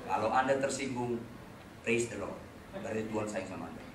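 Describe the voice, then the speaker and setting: A pastor giving a blunt, teasing sermon, moving between quiet asides and loud exclamations. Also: male voice, lowish voice, fairly quick, distant mic, background noise. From North Sumatra, Batak. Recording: echoey hall, voice from off-mic.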